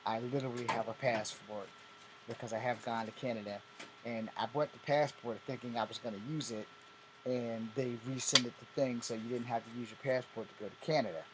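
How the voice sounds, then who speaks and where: Fifty-something man from Virginia, blunt cursing vlogger, slight background hiss. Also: medium pitch. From Virginia, USA. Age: 50s. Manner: blunt, profane, repetitive. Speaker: vlogger host. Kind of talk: casual ranting vlog.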